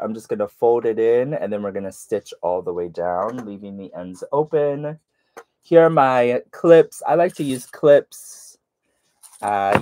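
A sewing vlogger with a warm, mid-range voice and a stuffy nose keeps up friendly chatter during a casual sew-along. He addresses viewers by name while he works.

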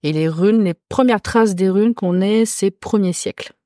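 Woman, guest on a chat podcast, halting delivery with lots of fillers, middle-pitched, dry sound. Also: mellow, no echo. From Corsica, France. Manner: hesitant, many filler pauses. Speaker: podcast guest, rune reader. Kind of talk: casual chat.

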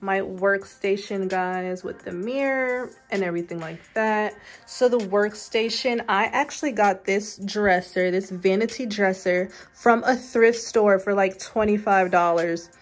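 A woman's voice: mid-range voice, a little slow, few pauses, soft background music. A young woman giving a casual walkthrough of her small home hair salon, talking to viewers with plenty of fillers. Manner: chatty, addresses viewers as guys, many fillers. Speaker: loctician giving a salon tour.

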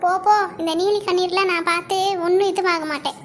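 A woman voicing a stern, sharp-tongued middle-aged mother in a cartoon, talking in a harsh, bossy scolding manner. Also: extremely high pitch, steady tone, fairly quick, a little hiss or hum. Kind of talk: cartoon dialogue acting.

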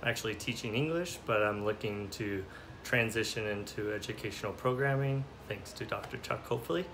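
A young man from the States, a student, introducing himself into a phone someone else is holding, in a relaxed way that trails off. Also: on the low side, a little fast, background noise. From United States. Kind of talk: self-introduction. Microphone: phone held by another person.

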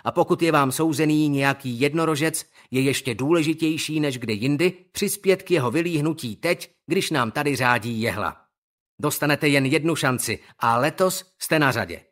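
A man's voice: a little high, fairly bright tone, lightly acted. A man voicing a firm, lecturing female schoolteacher in an audiobook. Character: brisk schoolteacher woman, firm.

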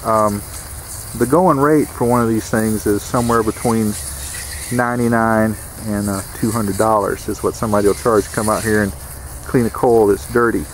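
A man's voice: on the low side, steady tone, moderate pace, slight background noise. A man giving a plain-spoken, folksy how-to demonstration outdoors, repeating his warnings. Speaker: DIY home repair instructor. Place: outdoors beside an air conditioner unit.

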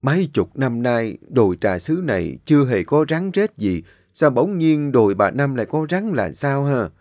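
A man's voice: medium pitch, sing-song, a little mellow, dry recording, clean studio sound, pitched above the performer's own voice. A man voicing a shrewd, suspicious elderly woman. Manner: slow, probing, stammering when shocked.

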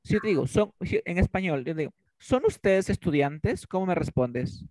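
A man's voice: high voice, big pitch swings, moderate pace, darkish tone, no room sound. Dry-sounding male teacher quizzing students. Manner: quizzes students with repeated questions. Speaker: English teacher. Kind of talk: online class teaching. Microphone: video call.

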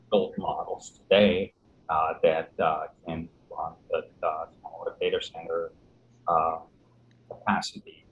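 A man answering questions remotely in a halting way with many ums and uhs, his voice breaking up over an online stream. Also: a bass voice. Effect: breaking-up online stream audio. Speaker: conference speaker answering questions. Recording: dull lo-fi stream with faint noise.

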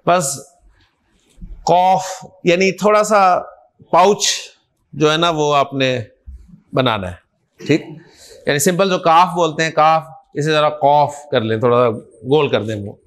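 A man's voice: on the high side, lively intonation, a little slow, a bit bright. A man teaching Arabic letters in an online class, drilling each sound with patient, frequent checks.

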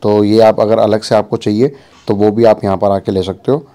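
A man's voice: lowish voice, flat delivery, normal speed, warm tone. A young man vlogging casually from an outdoor market, chatting and repeating himself as he walks through. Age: young adult. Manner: chatty, repetitive, keeps saying "bhai" and "theek hai". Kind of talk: casual market walkthrough vlog. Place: outdoor open-air market.

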